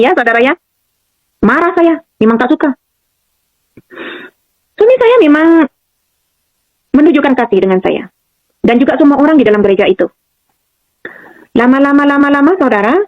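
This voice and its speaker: Her voice leans somewhat high as she gives a faith testimony, narrating her experiences and repeatedly turning to listeners with "saudara." She comes from Madura, Indonesia, and the muffled recording has no echo.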